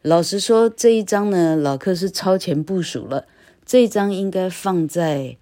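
An older woman giving a casual online English lesson. She rambles and tags her phrases with a habitual "ha," and chants rules slowly, syllable by syllable. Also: fairly low pitch, warm tone. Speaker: English teacher.

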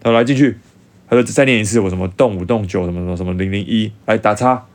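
A young man with a Taiwanese Mandarin accent, telling an animated story casually to his viewers. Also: fairly low pitch, very fast. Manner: animated, acts out dialogue in changed voices. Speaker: vlogger.

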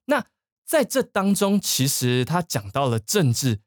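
A man's voice: on the high side, measured pace, no room sound, clean studio sound. A man hosting a bilingual English lesson, asking his co-host questions and explaining word use. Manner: lively, questioning, prompts co-host.

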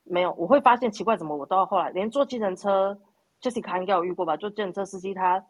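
A woman's voice: medium pitch, quick pace, no echo. A woman with a Taiwanese Mandarin accent telling anecdotes in casual chat, quoting bits of dialogue as she goes.

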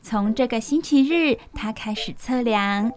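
High-voiced woman reading to little children. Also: unhurried. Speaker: children's radio storytelling host. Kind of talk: reading a picture book aloud to young children.

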